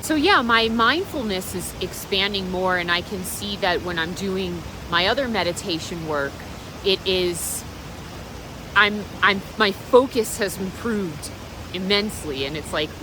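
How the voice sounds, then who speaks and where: Speaking a little slowly in a mid-range voice, a vlogger who practices meditation reflects aloud outdoors without a script and encourages her viewer directly. The recording carries clear, steady background noise.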